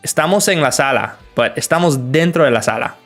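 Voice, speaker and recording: Relaxed American man teaching English. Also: a little high, normal speed, faint music behind. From northern United States. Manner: relaxed, greets viewers by name, explains with examples. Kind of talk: livestream Q&A, bilingual.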